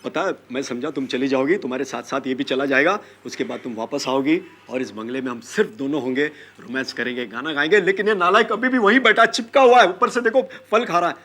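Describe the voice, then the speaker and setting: An actor playing an exasperated husband who argues loudly in a comedy sketch. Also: male voice, fairly high pitch, fast talker, few pauses. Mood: pleading. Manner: loud and indignant. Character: exasperated husband, hot-tempered then pleading.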